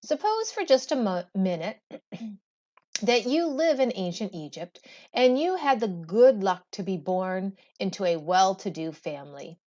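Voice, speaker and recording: Here a female teacher's medium-pitched voice comes through lo-fi sound. She reads schoolbook material to children in a careful, expressive manner, with pauses and phrasing like a bedtime story.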